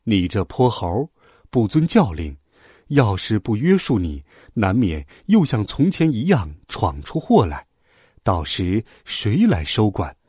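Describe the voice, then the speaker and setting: A man voicing a stern but motherly female bodhisattva in a children's story, speaking slowly and softly. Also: fairly low pitch, big pitch swings, slightly rough, no room sound, studio quality, pitched below the performer's own voice, heavily acted. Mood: stern gentle. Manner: slow, soft, lecturing.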